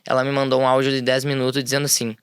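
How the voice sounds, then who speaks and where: A man, a music therapist and school founder, telling stories as a podcast guest in a relaxed way with many fillers. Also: medium pitch, rapid-fire, clear, resonant tone, dry recording, clean studio sound. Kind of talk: casual interview storytelling.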